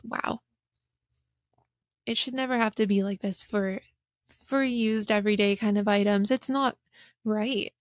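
A woman's voice: medium pitch, steady tone, a little slow, long pauses, dry recording, studio quality. A woman hosting a podcast, reading an interview aloud and commenting on it in a chatty, emphatic way. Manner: chatty and emphatic, with frequent fillers. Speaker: podcast host.

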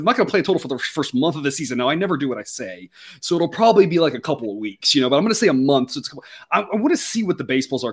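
A man's voice: fairly high pitch, husky. A man hosting a sports betting show in a conversational, wordy, explanatory way.

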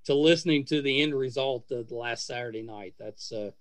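A podcast host and interviewer chats casually with listeners and delivers an outro, gushing effusively. His medium-pitched voice is fairly quick, with no echo.

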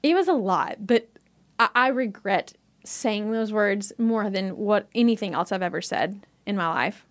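A woman telling a painful personal story with quiet earnestness. Her pitch sits in the middle range and she often trips and restarts her sentences. The delivery is heartfelt and unguarded. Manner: earnest, fast, halting with restarts.

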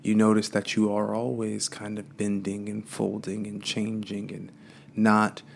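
A man with a low, gravelly voice talks through a spiritual reflection in a loose, rambling way, leaning on fillers. A faint hiss sits under the recording. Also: monotone, a little slow. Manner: casual, meandering, with many fillers.

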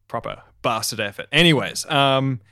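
Middle-pitched man playing a tabletop game. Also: moderate pace, bright, forceful tone. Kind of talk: casual chat and improvised play.

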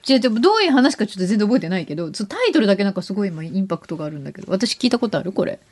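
A woman co-hosting a podcast, chatting casually and reacting quickly with frequent listening responses. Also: medium pitch, very animated, darkish tone. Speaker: podcast co-host. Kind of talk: casual chat.

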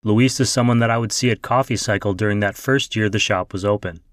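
A man's voice: fairly low pitch, fast, no echo, studio quality. A man hosting a podcast, introducing his guest and asking friendly, upbeat questions. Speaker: podcast host.

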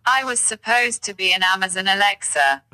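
Bright, stilted woman playing a female voice assistant. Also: medium pitch, a little fast, rough recording. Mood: fed-up, insulting. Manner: stilted, formal, deadpan. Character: fed-up, insulting female AI voice assistant. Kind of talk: automated menu announcements.

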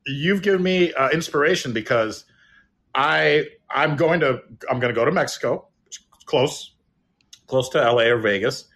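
A man's voice: mid-range voice, normal speed, fairly bright tone. A man hosting a casual podcast chat, playful and joking as he asks questions.

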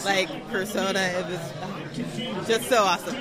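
An American cosplayer from Florida chats with excitement as an interview guest at a busy fan convention, with music and crowd noise audible behind her. Her voice is medium in pitch with fairly even intonation, and she speaks unhurriedly. She is effusive and emphatic, often doubling back and repeating her phrases.

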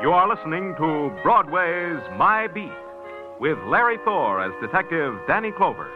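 A man announcing shows on an old network radio broadcast in a smooth, declamatory style. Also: fairly high pitch, very animated, moderate pace, loud music behind the voice. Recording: dull old radio recording.

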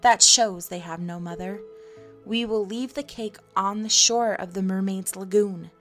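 A woman voicing a cruel, gloating pirate captain in a storybook, speaking slowly and theatrically through clenched teeth. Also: high-pitched, steady tone, a bit bright, faint music behind. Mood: scheming.

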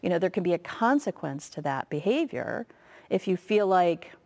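A woman, a child psychologist, talking casually and calmly, modeling phrases for parents to use. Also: on the low side, moderate pace, vocal fry. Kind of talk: casual chat.

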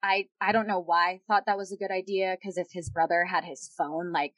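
A woman's voice: on the low side, fairly even intonation, fairly quick, fairly bright tone, no echo. A woman casually telling a personal story, rambling with lots of fillers. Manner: rambling, filler-heavy, many "like"s and "yada yada".

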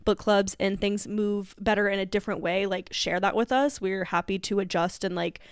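A woman's voice: mid-range voice, steady tone, moderate pace, clear, resonant tone, dry recording, clean studio sound. A woman co-hosting a podcast in casual chat, talking with lots of fillers and laughs. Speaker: podcast co-host.

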